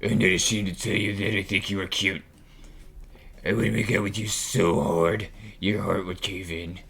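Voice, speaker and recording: A man voicing a brooding, smug male killer from a dating game, talking in a gruff, withholding, teasingly menacing way. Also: sits low, steady tone, normal speed, a bit bright, voice pushed up. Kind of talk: reading game dialogue aloud.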